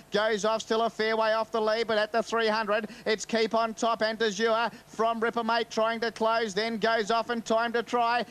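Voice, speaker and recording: High-voiced Australian man calling races. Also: fairly bright tone, smooth. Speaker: horse racing commentator. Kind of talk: live race commentary.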